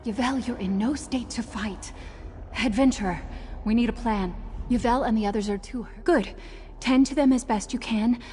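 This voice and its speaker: A woman's voice: on the high side, moderate pace, dark tone, long reverb tail, slight background noise, lightly acted. An actress playing an earnest young woman who urgently searches for her father, in a video game. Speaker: game character.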